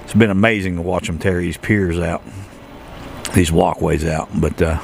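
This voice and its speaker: Gravelly and low, with fairly even intonation and a moderate pace, a travel vlogger chats his way through a walking tour outside a shopping and entertainment complex. He rambles, restarting often and leaning on fillers, against slight background noise.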